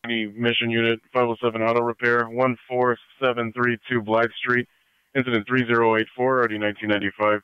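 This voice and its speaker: A man working as a police dispatcher who reads out addresses and incident codes in clipped, flat bursts over a scanner radio crackling with static. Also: mid-range voice, fast talker, clean tone, no room sound, dull audio. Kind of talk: radio dispatch call-outs.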